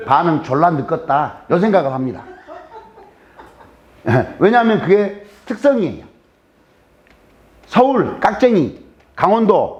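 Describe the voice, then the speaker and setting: A man with a Jeolla Korean accent giving a humorous lecture in a lecture room, teasing the audience and throwing rhetorical questions at them. His voice sits high and swings up and down in animated waves. The recording sounds dull and lo-fi. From Jeolla, South Korea. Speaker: guest lecturer.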